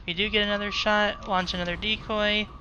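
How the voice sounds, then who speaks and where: This woman hosts a gaming video, narrating the action live and describing every command and move as she makes it. Her medium-pitched voice barely moves in pitch and runs a little fast, with some background noise. Game music and engine sounds play under a muffled, narrow-band recording.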